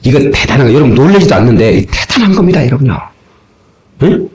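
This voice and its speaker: A male pastor preaching a sermon in an animated way, acting out little dialogues and raising his voice at times, heard from an old cassette tape recording. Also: mid-range voice, fast talker, a little hiss or hum, low-quality recording. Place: church sanctuary.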